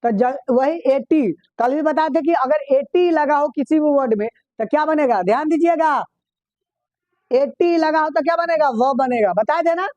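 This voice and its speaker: A man's voice: very high voice, moderate pace, darkish tone, no room sound. A male teacher giving a classroom vocabulary lesson, asking the class questions, repeating the answers and spelling words out letter by letter. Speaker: English teacher. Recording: dull, dry lo-fi recording.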